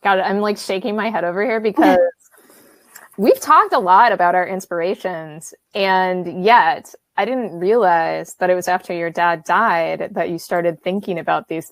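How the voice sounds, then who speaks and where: A Midwestern American woman in her thirties, an author-illustrator, chats casually on a video call from a home studio room with a brick wall, rambling with many fillers and restarts. Her voice is fairly low-pitched, picked up by a webcam with no echo.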